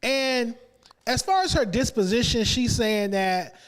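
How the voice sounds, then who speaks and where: A man hosting a podcast, asking measured, probing questions. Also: very high voice, lively intonation. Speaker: podcast host. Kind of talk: interview questions.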